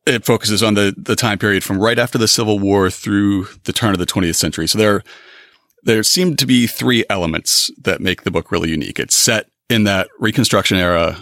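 A man hosting a history podcast, reading announcements and then interviewing a guest in a measured way. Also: fairly low pitch, fairly bright tone, dry recording, studio quality. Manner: measured, reads announcements then asks questions. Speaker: podcast host. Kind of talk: scripted podcast intro and interview.

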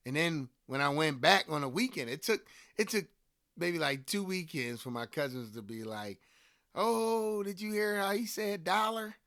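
With a Delco Philadelphia accent, this male podcast co-host swears casually and leans on fillers while spinning animated stories during a laid-back book-club chat. His voice is fairly high and moves at normal speed, captured dry with clean studio sound.

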